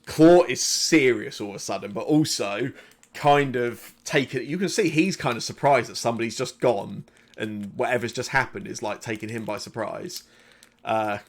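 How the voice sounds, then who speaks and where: A man runs a tabletop game as its game master, narrating the action. He rambles and corrects himself as he goes. His pitch is mid-range, and he speaks into a desk microphone at home. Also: normal speed.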